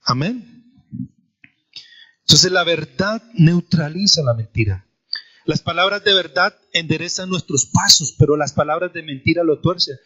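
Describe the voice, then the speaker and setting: A man's voice: on the high side, a little slow, sharp tone, husky. A man, a pastor preaching a sermon with an emphatic, repetitive cadence in church. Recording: dull lo-fi church recording.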